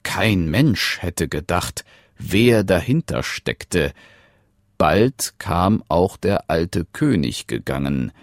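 A man narrating a fairy tale in a measured, expressive storybook reading. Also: deep voice, dry recording, studio quality.

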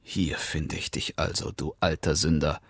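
A grim fairy-tale huntsman, as a man reading aloud plays him, muttering low under his breath. The voice sits deep and slow, in a dry close recording. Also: big pitch swings, no echo, heavily acted. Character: gruff adult male huntsman, grim and steady. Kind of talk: storybook reading.

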